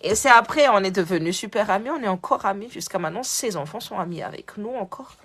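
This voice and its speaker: A woman's voice: medium pitch, lively intonation, fast, fairly bright tone. A woman speaks casually into her phone during a live stream, talking straight to her viewers. She moves back and forth between French and Malagasy and greets people in the chat by name. Her speech is loose and unscripted, full of restarts and repeated words. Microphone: phone on a social live stream.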